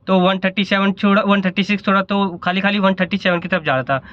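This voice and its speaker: A ride-hailing driver with a high, fairly even voice vlogs casually from his car and a fuel station, talking fast with a slightly sore throat. He rambles and corrects himself as he narrates, and the audio is dull with slight background noise.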